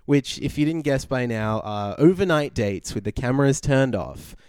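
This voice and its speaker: A man's voice: mid-range voice, expressive, moderate pace, a little mellow, smooth, dry recording. An Australian man co-hosting a podcast in a casual recap chat, bantering in informal, slangy language. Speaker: podcast co-host.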